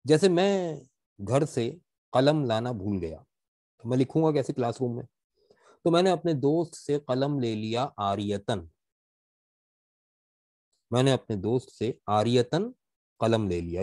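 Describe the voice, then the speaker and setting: Slow-talking Pakistani male literature teacher. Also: medium pitch, a little mellow, no echo, clean studio sound. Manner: explains in Urdu mixed with English, asks and answers own questions; recites verse slowly with rhythmic stress. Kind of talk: online class lecture.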